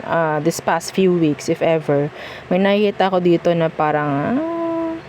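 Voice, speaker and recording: A tarot reader with a Filipino accent talks a little slowly in a low-leaning, expressive, slightly mellow voice, with a little hiss or hum in the background. Casual and chatty, she reassures the listener, mixes Tagalog and English, and says "okay?" a lot.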